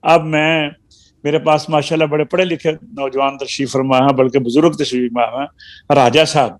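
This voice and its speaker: A man runs a live Quran recitation class, explaining step by step with patient, drawn-out syllables and some gentle teasing. His voice is medium in pitch and level in tone.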